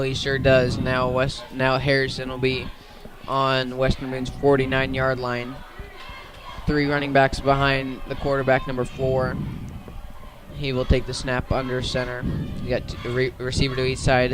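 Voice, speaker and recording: This is an American man doing live radio play-by-play for a football game. His medium-pitched voice barely moves melodically, and he narrates in halting fragments, fixing his own words as he goes.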